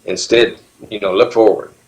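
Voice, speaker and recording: Heard through dull lo-fi audio, a husky-voiced man in his seventies speaks at a moderate pace, his tone steady and on the low side. As an interview guest he's candid, earnest and reflective, repeatedly restarting what he says.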